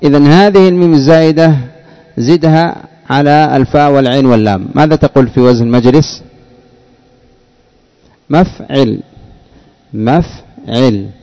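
Guy teaching grammar in class, mellow voice, slow, keeps repeating stuff and asking the students. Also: on the high side, smooth, low-quality recording.

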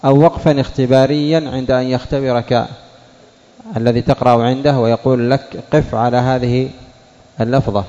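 A man teaching a classroom lesson on word forms, sounding out each example slowly and quizzing students by name. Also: medium pitch, dark tone. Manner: drills words by saying the base form then the changed form, questions students by name. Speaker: teacher of Arabic morphology and Quran reading. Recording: dull lo-fi classroom recording with long reverb.

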